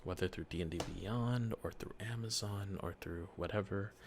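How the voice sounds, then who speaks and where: Soft-spoken deep male dungeon master. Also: background noise. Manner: soft-spoken, gentle, reassuring; slow, patient explaining with fillers. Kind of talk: whispered role-play. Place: quiet home early morning.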